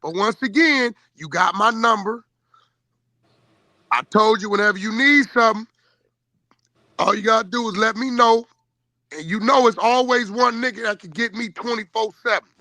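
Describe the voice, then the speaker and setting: A man's voice: high-pitched, normal speed, long pauses, pushed and bright, no echo. A man talking casually and boastfully on a call, in an emphatic, insistent, slangy street style.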